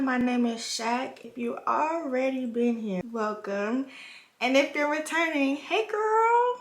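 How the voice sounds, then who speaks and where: A vlogger in her twenties from the Virgin Islands does her makeup at a home vanity, chatting frankly like a big sister. Her voice is high-pitched and fairly bright, and the sound is roomy.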